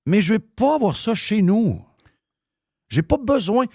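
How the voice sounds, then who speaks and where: Québécois man, radio host, ranting and swearing, swinging pitch, warm dry voice. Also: very animated, unhurried, creaky, no echo. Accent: Québécois French. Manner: heated, ranting, swears freely. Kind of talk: opinionated live radio talk.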